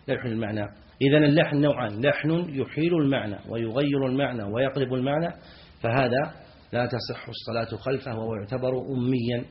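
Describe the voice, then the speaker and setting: Man, scholar teaching a classroom lesson, reads the text slowly then explains, quizzes students with short questions, repeats key words, dull lo-fi sound. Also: medium pitch, a little hiss or hum.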